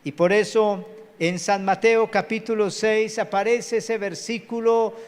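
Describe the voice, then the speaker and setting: Male pastor, high voice, emphatic sermon in a reverberant hall. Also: steady tone, unhurried, smooth. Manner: emphatic, calls for amen, repeats phrases. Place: church hall.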